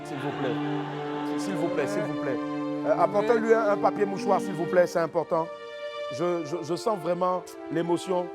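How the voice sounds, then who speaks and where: A man's voice: high voice, normal speed. A man hosting a comedy talk show, exclaiming and playing mock-solemn. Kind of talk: comic studio hosting. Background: music.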